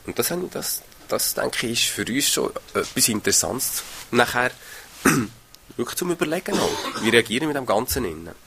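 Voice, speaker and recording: A man's voice: medium pitch, expressive, moderate pace, creaky, sharp tone, slight background noise. A man preaching a sermon on a Bible passage, talking conversationally and often tagging phrases with a questioning "oder?".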